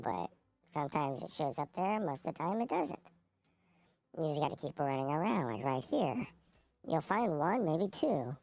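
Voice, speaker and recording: A man putting on a high chipmunk voice for a chatty cat character while commenting on a game he plays. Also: no echo. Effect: sped-up high chipmunk-style voice. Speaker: gamer narrating his play. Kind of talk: let's-play commentary.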